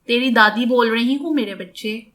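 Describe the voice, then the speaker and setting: A woman's voice: fairly high pitch, a bit bright, lightly acted. A woman voicing an elderly grandmother in an audiobook, affectionate but firm, coaxing and commanding.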